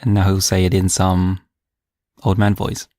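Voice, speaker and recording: A man's voice: sits low, completely flat delivery, mellow, no echo, studio quality. A man hosting a podcast in casual chat, easygoing, laughing often and teasing his co-host. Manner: easygoing, quick to laugh and tease.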